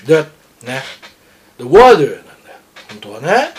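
An older man chatting casually on a radio talk show about horse racing, gruff and teasing, lecturing his co-host with animated tangents. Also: fairly high pitch, brisk.

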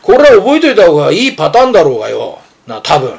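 This man in his fifties talks racing tips in a loose, joking, coarse-mouthed way. His voice sits high for a man and swings all over, and he rattles along quickly. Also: huge pitch swings, vocal fry. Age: 50s. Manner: rambling, joking, coarse banter. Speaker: horse racing pundit. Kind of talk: casual podcast chat.

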